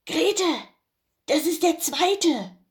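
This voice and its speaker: A woman's voice: very high-pitched, lively intonation, extremely slow, voice pushed up, full character voice. A woman voicing a simple peasant man who pretends to be a doctor, speaking in an eager, folksy way.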